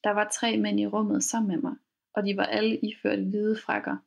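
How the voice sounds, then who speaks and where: A woman podcast host retelling a first-person account in a calm, measured way. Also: mid-range voice, creaky. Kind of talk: storytelling podcast reading.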